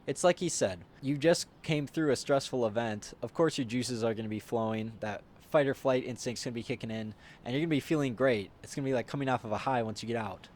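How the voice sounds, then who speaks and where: Medium-pitched man narrating a vlog. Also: fast talker, hardly any pauses, darkish tone. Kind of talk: reflective explanatory voice-over.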